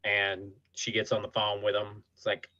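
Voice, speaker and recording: Bright-voiced man hosting a podcast. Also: lowish voice, moderate pace, lo-fi sound. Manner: animated retelling with acted quotes. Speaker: podcast host. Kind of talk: casual podcast chat.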